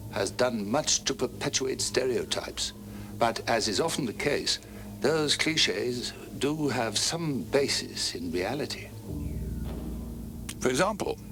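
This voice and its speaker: A man narrating a documentary in a dramatic, scripted way with slow ominous pauses, heard from an old VHS tape. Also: medium pitch. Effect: old VHS tape sound. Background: music.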